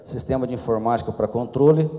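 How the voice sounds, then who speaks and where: A man's voice: mid-range voice, fast talker, mellow. A middle-aged man, presenting slides at a conference panel in an informal, self-deprecating way. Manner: informal, self-deprecating asides while walking through slides. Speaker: conference speaker. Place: conference hall. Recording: long hall reverb.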